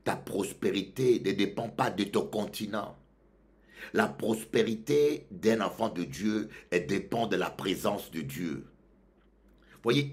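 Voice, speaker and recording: Animated preacher man. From Congo. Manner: animated, swings between loud outbursts and low murmurs, laughs. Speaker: pastor. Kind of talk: sermon.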